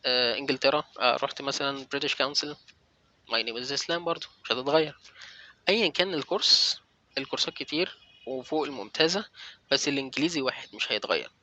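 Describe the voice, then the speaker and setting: Brisk Egyptian man giving advice. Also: medium pitch, pushed and bright, muffled recording. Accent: Egyptian Arabic. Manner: direct, coaching, addresses the viewer as you. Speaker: language-learning vlogger. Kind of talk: motivational advice talk to camera.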